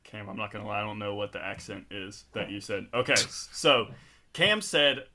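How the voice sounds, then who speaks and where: A young man hosting a casual quiz game with friends, telling stories in an animated, laughing way. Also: lowish voice, moderate pace. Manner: storytelling, animated, laughs often. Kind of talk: casual chat.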